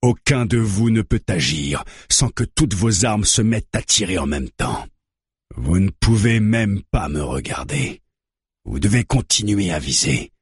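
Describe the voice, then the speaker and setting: A man doing a calm police negotiator. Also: fairly low pitch, husky, dry recording, studio quality, voice pushed up, full character voice. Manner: calm, reasoning, deliberate.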